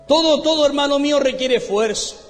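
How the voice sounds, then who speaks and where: Male Chilean pastor, impassioned high-pitched shouting delivery, reverberant hall with music behind. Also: brisk. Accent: Chilean Spanish. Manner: impassioned, often shouting praise. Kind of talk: fervent preached sermon.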